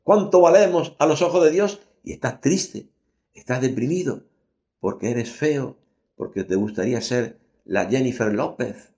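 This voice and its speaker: A man delivers a radio sermon in a mid-pitched voice. He presses his points by repeating them, asks his listeners questions and answers for them. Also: measured pace, a little mellow. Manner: emphatic, repeats phrases, asks rhetorical questions; voices imagined listeners' replies. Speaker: preacher.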